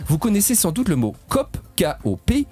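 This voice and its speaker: A man hosts a radio quiz in the studio, teasing the players and stretching out the big numbers. His voice is a little husky and sits fairly high. It swings up and down a lot. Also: moderate pace, soft background music. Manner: lively, joking, stretches key words. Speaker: quiz host.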